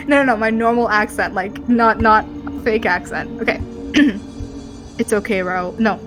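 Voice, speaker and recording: A woman's voice: a little high, measured pace, music in the background. A woman co-hosting a tabletop role-play stream, chatting casually and laughing often while she tries out voices. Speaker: co-host and player.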